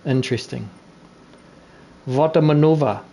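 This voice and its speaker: Teasing fellow drivers as he streams an online race, a man from New Zealand chats casually into his gaming headset. He speaks at a measured pace in a medium-pitched, creaky voice with a dark tone.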